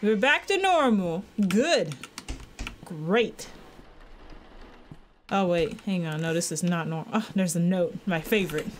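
Seated at a desk in a small room, a young woman gives casual horror game commentary as a frightened streamer, rambling with nervous sarcasm, slang, and plenty of repetition. Her voice is on the low side and expressive, a little slow with frequent pauses, with a little hiss or hum present.

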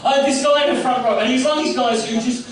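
A man's voice: very high-pitched, fairly even intonation, fast. A man doing a stand-up routine, brash and profane, mocking himself. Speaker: stand-up comedian. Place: comedy club stage. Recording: echoey live room from far off, crowd. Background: audience laughter.

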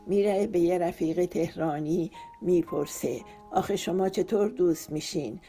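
A woman's voice: on the low side, warm tone, faint music behind, lightly acted. A woman voicing a playful, affectionate young husband who jokes and then speaks tenderly, in an audiobook. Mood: teasing. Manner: teasing joke-telling, then tender.

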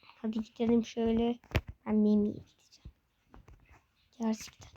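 A young gaming host giving excited live commentary while playing. They repeat the same phrases over and over and shout urgent commands at the screen. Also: mid-range voice, moderate pace, muffled recording, slight background noise.

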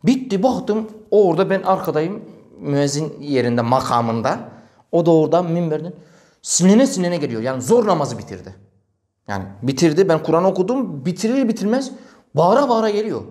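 A man's voice: a little high, brisk. A male preacher telling a story in a religious talk, acting out the dialogue. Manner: animated, acts out quoted dialogue.

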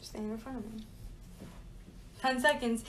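A young woman with a high voice and an unhurried pace, giggly and teasing. She talks casually and playfully, as in a social media challenge clip, with slight noise behind her. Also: fairly even intonation, fairly bright tone, poor audio.

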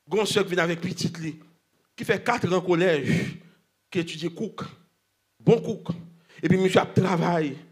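A man preaching a sermon at a church convention, swinging between shouting and hushed storytelling. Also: sits high.

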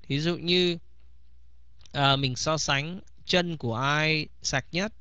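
A man's voice: fairly high pitch, takes it slowly, pushed and bright, no echo. A man teaching English vocabulary in a bilingual lesson, repeating each word several times. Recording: slightly dull, dry recording.

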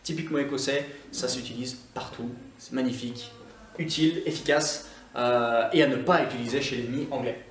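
Speaking a little fast in a mid-range voice, a man from Scotland who teaches English online delivers a chatty YouTube lesson. He's lively and hesitates often. The mic is distant and the room sounds roomy.

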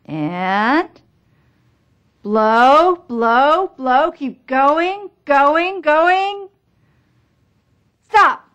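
An energetic nurse in a training video, coaching someone to blow out hard. The voice is high and swings widely, with urgent, repeated, very drawn-out words. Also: female voice, highs cut off, full character voice. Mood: urgent encouragement. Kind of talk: scripted training video demonstration. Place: small exam room, indoors.

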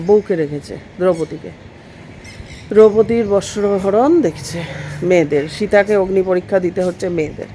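Woman, casual vlog, earnest, chatty, middle pitch, outdoor rooftop, faint background noise. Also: dark tone. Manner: earnest and chatty, with frequent restarts. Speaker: vlogger.

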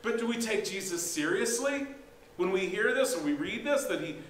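A man's voice: high voice, expressive, moderate pace, a bit bright. A man preaching a sermon as pastor, conversational and folksy, with rhetorical questions and casual asides. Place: church sanctuary. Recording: echoey church room, faint background hiss.

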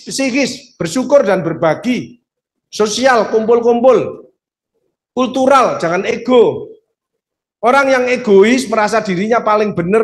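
A man with an East Javanese accent, a doctor giving an animated religious health seminar talk, acting out dialogues. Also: high voice. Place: seminar hall. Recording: echoey hall reverb.

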